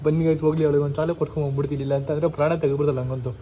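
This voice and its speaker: Quick-talking guy vlogging at home, kinda high voice, teasing, faint background hum. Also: flat delivery, lo-fi sound. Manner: playful, teasing, talks to camera viewers. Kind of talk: casual family vlog to camera. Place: family home.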